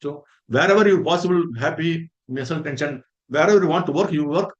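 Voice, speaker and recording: A man's voice: on the high side, brisk, muffled recording. A man giving a faculty development lecture, earnest and repetitive, stressing points as very, very important and working through everyday examples. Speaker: resource person for a faculty development program.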